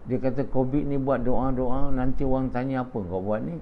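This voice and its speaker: A man's voice: mid-range voice, steady tone, normal speed. An older man with a Malaysian Malay accent giving an after-dawn religious talk at a small indoor gathering, blunt and scolding, calling on listeners by name. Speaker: religious lecturer. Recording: dull lo-fi sound with faint background hiss.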